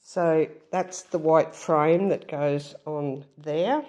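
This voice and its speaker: Nasally woman w a blocked nose chatting thru her craft stuff, slow, lots of ums. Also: low voice, mellow. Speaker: craft vlogger. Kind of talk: casual show-and-tell.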